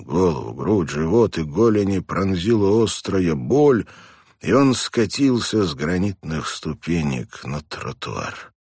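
A man narrating an audiobook in a measured, dramatic reading style. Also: low voice, darkish tone, husky, no echo, clean studio sound. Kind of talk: scripted narration.

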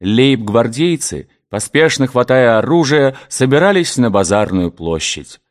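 A man's voice: medium pitch, animated, measured pace. A man reading a historical novel aloud as narrator, voicing the characters expressively.

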